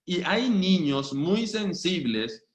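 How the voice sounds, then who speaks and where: A man's voice: high voice, very animated, slow, echoey room. A man giving an online training talk, earnest and often checking in with his listeners. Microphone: video call.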